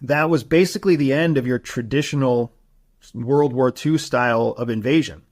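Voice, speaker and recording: A man's voice: medium pitch, moderate pace. A man commenting on politics who explains his point steadily, building it up in rhetorical lists. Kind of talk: explanatory analysis.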